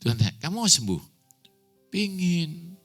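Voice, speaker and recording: A man's voice: on the high side, big pitch swings, normal speed, husky, faint music behind. A man preaching a sermon as pastor, telling a personal story with acted dialogue, close to tears.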